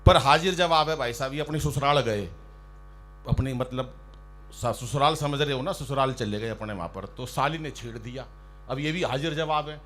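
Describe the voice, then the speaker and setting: A man's voice: mid-range voice, moderate pace, a bit bright, slight background noise. A man in his fifties on a poetry stage, a comic poet teasing the audience in a chatty way. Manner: teasing, chatty, acts out voices in jokes. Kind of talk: stand-up comic poetry banter. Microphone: stage mic.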